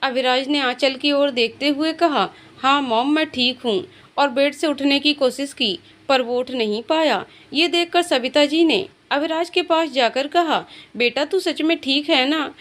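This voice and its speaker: High-voiced woman narrating a romance story. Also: measured pace, hardly any pauses, fairly bright tone. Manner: reads all the characters' lines in her own voice.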